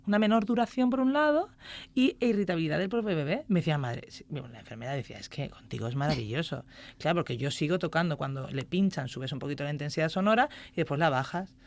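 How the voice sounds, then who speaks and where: A woman's voice: lowish voice, brisk, a little mellow. A woman, a music therapist chatting as a podcast guest, telling stories and acting out quoted dialogue. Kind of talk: casual podcast interview.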